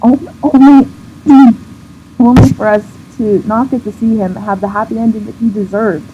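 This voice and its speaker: A woman's voice: on the high side, steady tone. Woman vlogger, emotional rant, indignant and tearful, stumbling restarts; lo-fi recording, faint hiss. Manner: upset, indignant, swearing, with halting restarts. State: on the verge of tears. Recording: dull lo-fi sound with faint background noise.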